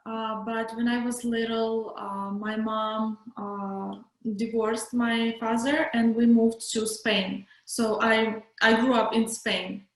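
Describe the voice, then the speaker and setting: Slow, hesitant young woman from Ukraine. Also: a little high, little pitch movement, reverberant. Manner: hesitant, many pauses and fillers. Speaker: interview guest, model. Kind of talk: casual video call interview. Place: home room indoors. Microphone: video call.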